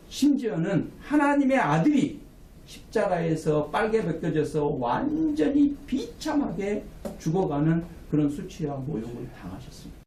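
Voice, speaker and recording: A man's voice: a little high, mellow, far from the mic, a little hiss or hum. A man preaching a sermon as pastor, with emphatic calls for amen, recorded from afar in a small room. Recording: echoey room, mic from afar.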